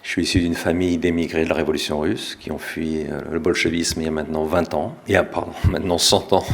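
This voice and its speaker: A middle-aged French man, an author, giving a relaxed public talk with small self-corrections. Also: extremely low pitch, fast talker. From France. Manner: relaxed, self-deprecating, with restarts. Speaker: author and speaker.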